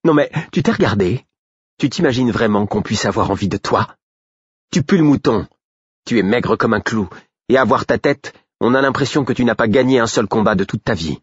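A sharp-tongued young woman, quick to anger and full of scorn, jabbing with mocking accusations, as a male audiobook narrator puts her on. The voice sits higher than the reader's own deep tone but keeps some of its husky grain. The recording is dry and a little muffled. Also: expressive, dry recording. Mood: scornful.

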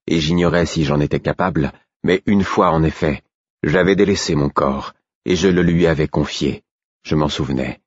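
A man reading a first-person story aloud in a measured, grave narration. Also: low voice, husky, dry recording. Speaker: audiobook narrator. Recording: dry, slightly dull recording.

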